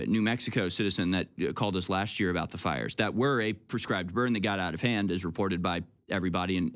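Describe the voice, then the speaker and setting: A man hosting a radio call-in show, talking in an informal, engaged, conversational way. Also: fairly low pitch.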